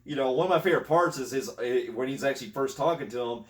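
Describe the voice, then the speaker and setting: A man chatting casually about a favorite comedy, rambling through halting, filler-heavy sentences. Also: medium pitch, distant mic. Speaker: podcast co-host. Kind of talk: casual movie chat.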